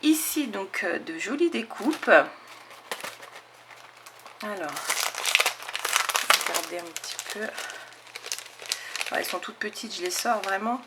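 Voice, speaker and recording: A woman's voice: medium pitch, expressive, slow pace, pauses often, very noisy. A woman, eagerly showing scrapbooking crafts in a casual chat with her viewers. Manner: enthusiastic, chatty, lots of fillers and "hop". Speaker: scrapbooking channel host. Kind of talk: casual show-and-tell of craft mail.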